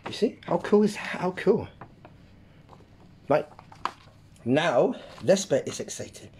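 This is a host leading a drawing lesson for kids. The voice swoops up and down with lots of melody. They pepper the instructions with playful beeps and booms and keep checking that the viewer is following. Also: slow pace, slight background noise. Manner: lively, makes playful sound effects while drawing. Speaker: children's art class host.

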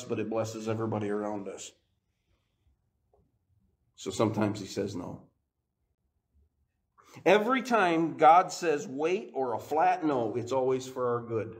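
A male pastor delivers a sermon, laughing often as he builds from quiet, low passages to rising, emphatic climaxes.

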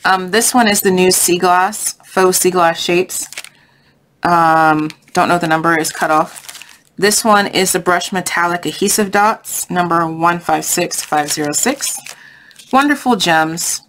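Speaking at a measured pace, this woman has a fairly low, slightly bright voice as she runs an easygoing craft tutorial indoors at her craft table. She chats and thinks aloud unscripted, over a noisy home recording full of clicks.

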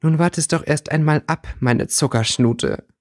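A man's voice: fairly high pitch, moderate pace, no echo, clean studio sound, lightly acted. A man reading an audiobook, voicing a smug, cruel middle-aged stepmother with a sneering, honeyed manner. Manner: sneering, self-assured, honeyed.

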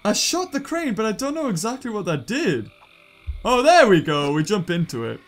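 A young British man giving casual gameplay commentary in a goofy, jokey, excitable way. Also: sits high, normal speed. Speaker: gaming YouTuber.

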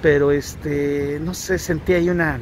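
A man's voice: a little high, steady tone, unhurried, background noise. A man with a Mexican accent casually reviewing a restaurant for his travel vlog, talking hesitantly with lots of fillers and repeats, recorded outdoors by a street. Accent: Mexican Spanish. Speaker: travel vlogger.

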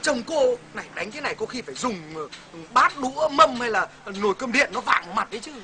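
A man's voice: extremely high pitch, expressive, fast talker, a loud crowd. A man, teasing and skeptical as a comedy host. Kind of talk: comedy sketch banter.

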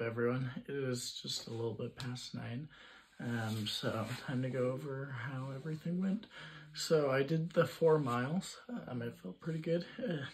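A man's voice: medium pitch, fairly bright tone, poor audio. Young man giving a casual vlog recap. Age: 20s. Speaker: running vlogger. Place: indoors in a room at home.

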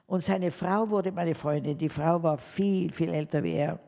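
A woman's voice: fairly low pitch, a little slow, gravelly. Woman telling her testimony in a hall. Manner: lively storytelling, addressing listeners as dear ones. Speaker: speaker giving a testimony. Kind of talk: spoken testimony to a live audience.

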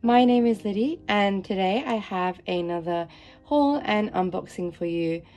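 A woman's voice: mid-range voice, unhurried, a little mellow, lo-fi sound. A young woman with a nasal, stuffed-up voice after being ill, chatting upbeat through a casual manga unboxing vlog. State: nasal from a cold. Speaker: manga vlogger.

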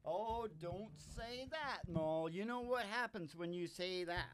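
This older country musician, still under eighty, hosts his music podcast with slow, high-pitched speech. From a small curtained studio stage, he rambles through jokey, homespun, philosophical banter into a vocal microphone on a stand.

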